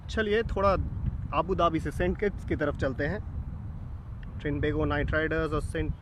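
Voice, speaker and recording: A man's voice: on the high side, normal speed. A man with an Indian accent presenting live cricket coverage and putting questions to a guest. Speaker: commentator and interviewer. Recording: muffled audio with clear outdoor noise.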